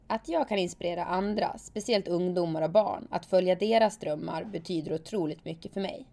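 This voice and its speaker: A woman calmly narrating her own story in the first person, reflective and steady. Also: lowish voice, creaky. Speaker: former alpine skier telling her story.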